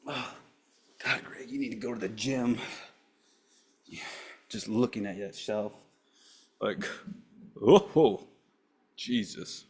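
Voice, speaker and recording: A man's voice: medium pitch, slow pace, long pauses, a little mellow, a little hiss or hum. A man hosting his own show, joking around and muttering to himself while setting up, with playful curses and announcer bits. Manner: jokey, self-mocking, mutters and curses while fiddling with gear. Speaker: podcast host. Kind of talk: rambling solo setup chat.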